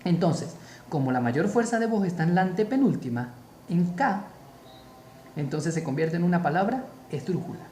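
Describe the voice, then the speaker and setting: A man teaching a spoken grammar lesson, slow and deliberate, repeating key terms for emphasis. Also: sits high, very animated, mellow, roomy sound, slight background noise.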